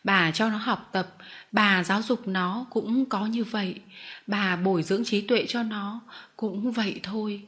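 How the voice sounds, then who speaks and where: A stern old man who runs a travelling show of performing dogs, as a woman reading the story gives him voice. He speaks in curt, commanding words at an ordinary pitch, and he expects to be obeyed. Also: fairly even intonation, measured pace, a bit bright, natural voice. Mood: firm. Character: stern old male street-show master.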